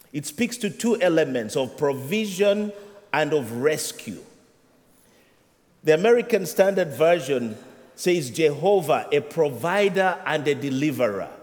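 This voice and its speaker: A man's voice: a little high, a little mellow, big-room sound. A middle-aged man with a Ugandan accent preaching a sermon as associate rector, with a humorous, conversational delivery. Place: church sanctuary.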